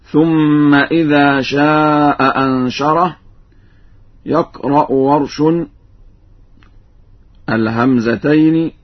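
A man explaining the variants of a Quran recitation in a measured, didactic way, drawing out the verses he quotes in slow chant. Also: medium pitch. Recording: dull, lo-fi radio recording.

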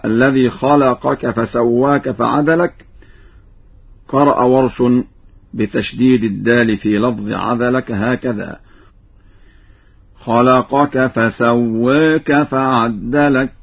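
A man explaining the variants of a Quran recitation in a measured, didactic way, drawing out the verses he quotes in slow chant. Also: mid-range voice, creaky, breathy edge. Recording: dull, lo-fi radio recording.

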